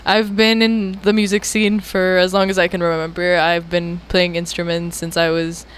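A young woman from Jordan, a guest musician, talking about herself in a relaxed, casual way with many "like"s. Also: on the low side, moderate pace, clean tone. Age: young adult. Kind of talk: casual radio interview. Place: radio studio.

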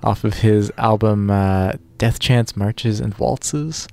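A man's voice: lowish voice, steady tone, takes it slowly, creaky, darkish tone. A man co-hosting a radio show in casual chat about music.

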